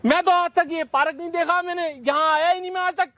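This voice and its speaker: A man playing an arrogant rich brother, speaking with scornful, contemptuous shouting in a staged confrontation in a park. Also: very high-pitched, fairly even intonation, fast. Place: outdoors in a park.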